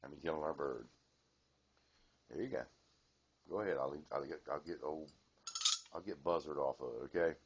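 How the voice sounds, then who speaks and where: A man's voice: extremely low pitch, normal speed, long pauses, dull audio, background noise. A man filming his pets at home, chatting casually and cooing to them in baby-talk. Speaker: pet owner filming at home. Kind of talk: casual home video commentary. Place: home room.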